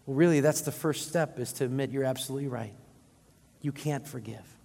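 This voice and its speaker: A man's voice: medium pitch, brisk, creaky, dark tone. A male pastor preaching a sermon to his congregation, often asking them rhetorical questions. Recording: long reverb of a large hall.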